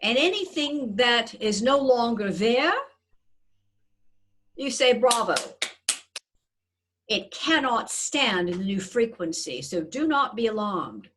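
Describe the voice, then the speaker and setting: A woman speaking as a trance channeler, like a seance medium, guiding listeners with deliberate, portentous, reassuring phrasing as in a guided meditation. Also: fairly high pitch, lively intonation, fairly bright tone. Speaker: trance channeler leading a group session.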